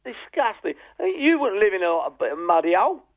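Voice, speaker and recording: A blunt, coarse male caller ranting into a radio phone-in, his voice bouncing up and down in lively swings. It comes through a thin, tinny phone line. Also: high-pitched, moderate pace.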